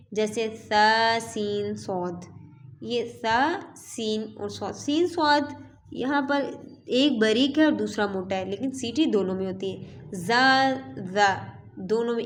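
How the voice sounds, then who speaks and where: Woman teacher with a slightly high voice, patient, slow and repetitive drilling of letter sounds. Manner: patient, repeats syllables for students to follow. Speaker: Quran teacher.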